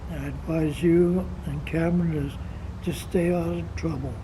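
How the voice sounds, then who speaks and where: A very old American man in his nineties, reminiscing casually in a slow, halting way, repeating words as he searches for them. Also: fairly high pitch, fairly even intonation, noisy background. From Montana, United States. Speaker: grandfather being interviewed. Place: outdoors in the sun.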